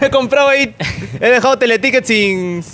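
A man's voice: extremely high pitch, fairly quick, fairly bright tone. A man co-hosting a casual podcast, joking and laughing often. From Peru. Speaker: podcast co-host. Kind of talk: casual chat.

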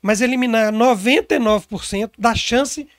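A man's voice: extremely high pitch, moderate pace, no echo, studio quality. A man talking as a sales consultant in a casual interview, emphatic and explaining with examples.

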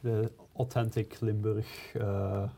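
A man's voice: fairly low pitch, level tone, takes it slowly, dark tone, a little hiss or hum. A man hosting a casual podcast in English, chatting in a friendly way with frequent ums and uhs. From Belgium. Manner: friendly, hesitant with fillers. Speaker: podcast host.

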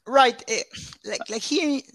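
A man from Ecuador, a football pundit in an interview, halting as he searches for English words. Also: very high voice, gravelly, pushed and bright, dry recording.

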